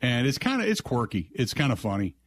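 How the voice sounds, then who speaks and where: A man's voice: mid-range voice, very animated, fairly quick, a little hiss or hum. An American man hosting sports talk radio, chatting casually in a folksy, conversational way and slipping into sponsor plugs. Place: dry radio studio. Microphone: close broadcast mic.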